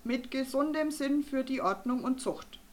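A woman voicing a stern, pompous male doctor who lectures gruffly in an audiobook reading. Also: on the high side, animated, measured pace. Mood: stern declaiming. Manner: gruff, lecturing, then conspiratorial.

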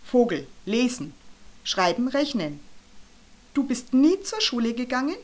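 A woman's voice: a little high, very animated, unhurried, voice pushed up. A woman voicing a stern, pessimistic male school principal in an audiobook. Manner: gruff, pessimistic, formal.

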